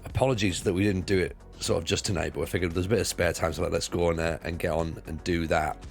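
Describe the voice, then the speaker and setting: A British man with a croaky, low-pitched voice chats casually to live-stream viewers while playing a football management game, rambling and repeating himself. His tone is steady and his pace fast, with soft music in the background.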